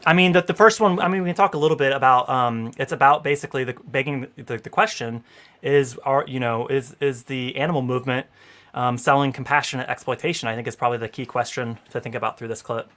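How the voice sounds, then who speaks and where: A man in his thirties hosts a casual livestream from home, talking into a headset. His medium-pitched voice is a bit bright, and he speaks fast and upbeat, filling gaps with lots of "you know."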